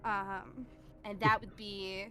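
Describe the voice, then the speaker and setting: A woman playing a tabletop game, chatting and narrating casually in an animated, rambling way. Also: mid-range voice, slow.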